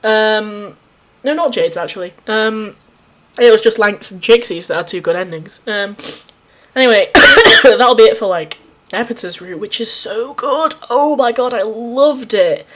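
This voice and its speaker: A woman reading a visual novel aloud and chatting about it, gushing and easily excited. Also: on the high side, a little slow. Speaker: let's play host.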